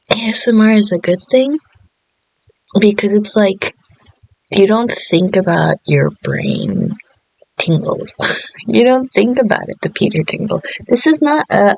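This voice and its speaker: Woman, thirties, casual vlogger; gravelly texture, meandering delivery, dry recording. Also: medium pitch, no room sound, low-quality recording. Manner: meandering, many fillers and self-interruptions, laughs often. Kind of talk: casual rambling monologue.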